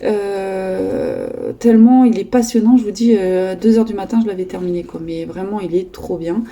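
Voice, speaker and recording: A woman vlogger chatting casually about her latest books, hesitant with many pauses and fillers. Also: mid-range voice, very animated, gravelly, warm tone. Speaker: book vlogger. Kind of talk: casual chat showing books.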